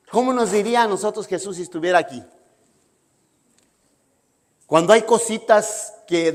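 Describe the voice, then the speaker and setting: A man preaching a sermon in an emphatic style, often checking in with the congregation. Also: sits high. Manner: emphatic, asks listeners "¿sí?" often. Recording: long hall reverb.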